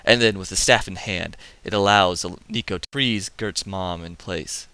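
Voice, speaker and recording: A man hosting a comic book review, summarizing the story with excitable, casual asides. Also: sits low, a little slow, clear, resonant tone, no room sound. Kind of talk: enthusiastic comic review narration.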